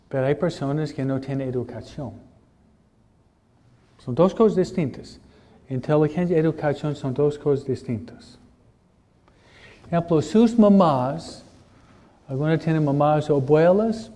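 Older priest with a dark, mellow voice. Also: male voice, on the high side. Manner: halting, repeats words, asks "¿no?" often. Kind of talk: informal sermon talk.

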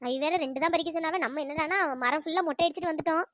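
Cartoon role: woman as an anxious, squeaky village woman, quick and hesitant. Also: no echo, natural voice. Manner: nervous, hesitant. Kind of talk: cartoon storytelling.

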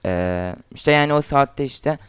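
A teenage boy from Turkey talks his viewers through a game, trash-talking opponents and getting loud and excited in fights. His voice is very clear and sits in a middle range. The sound is dry and close, from a desk mic at his computer. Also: mid-range voice, unhurried, no echo. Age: teens. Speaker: gaming YouTuber. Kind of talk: casual gameplay commentary.

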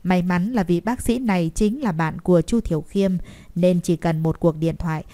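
A woman narrating a romance novel as an audiobook, with emotive, measured storytelling. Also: fairly low pitch, warm tone.

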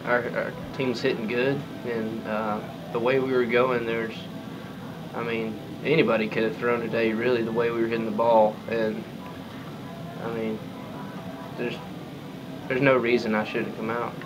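A young man in his twenties, a college pitcher, answering postgame questions in a relaxed, modest way with lots of fillers. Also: normal speed, over music, low-quality recording. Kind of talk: postgame press conference. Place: press room before a sponsor backdrop.

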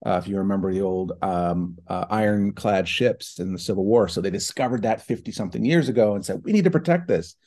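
Middle-aged guy on a video call from his home office, lowish mellow voice, lots of uhs and you knows. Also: brisk, few pauses. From New Hampshire and Ohio, United States. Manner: thoughtful, many fillers and restarts. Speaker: guest, foundation president. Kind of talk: casual online interview. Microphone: video call from laptop.

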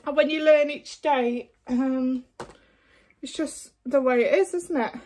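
A woman chatting frankly through a makeup tutorial, her voice going hoarse, with lots of fillers along the way. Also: sits high, fairly even intonation, measured pace, a little mellow. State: losing her voice. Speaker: beauty vlogger. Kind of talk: casual makeup tutorial chat.

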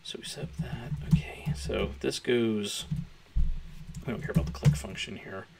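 A man with a hoarse, gravelly voice, thinking aloud as he walks through a coding tutorial. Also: on the low side, steady tone, unhurried, background noise. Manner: thinking aloud while typing, chatty. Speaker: programmer streaming a coding tutorial. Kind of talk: casual live-coding walkthrough. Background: keyboard typing.

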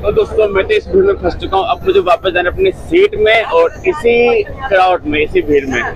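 High-voiced and very animated, a twentysomething man talks a little fast with some vocal fry while vlogging his trip. The phone he holds at arm's length picks up loud train and outdoor noise, and the highs are cut off. He chats informally with passengers and speaks to viewers like friends, moving through crowded carriages and railway platforms.

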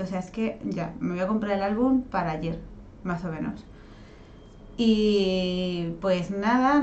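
A woman's voice: mid-range voice, muffled recording. Gushing young woman reacting. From Spain. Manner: gushing, excitable, repeats herself. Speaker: dance-cover group member. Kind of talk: music video reaction. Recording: faint music behind the voice.

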